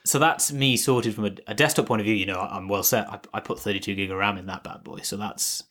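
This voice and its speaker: Low-voiced man chatting about tech. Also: steady tone, quick pace, pushed and bright. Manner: rambling, many restarts and fillers. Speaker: podcast co-host. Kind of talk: casual tech chat.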